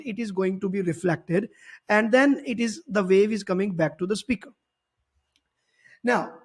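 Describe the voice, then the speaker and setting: A man with a high voice teaches physics, walking through a worked problem step by step. He often repeats and rephrases his points.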